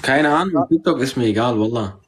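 A man's voice: mid-range voice, animated, brisk. A young man, chatting bluntly and casually in heavy street slang on a livestream.

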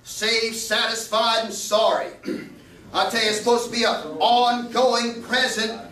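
A man preaching a fiery revival sermon at a pulpit microphone, quoting scripture in old King James wording and rising into shouts. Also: very high voice, flat delivery, measured pace, roomy sound, far from the mic, poor audio.

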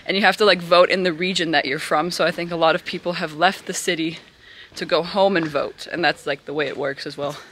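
A woman's voice: on the low side, steady tone, fairly quick, a bit bright, slight background noise. Chatty, giggly young woman vlogging. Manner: chatty and giggly, talks to viewers. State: out of breath while walking. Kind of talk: casual vlog narration. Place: indoors at home, then walking outdoors in a city.

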